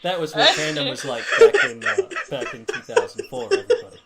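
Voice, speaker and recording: A man's voice: very high voice, wildly swooping pitch, fairly quick, a loud crowd, voice pushed up, exaggerated voice. A man doing a grumpy old man voice, complaining about kids today in a cranky, drawling way. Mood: indignant. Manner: cranky, drawling, mock-outraged.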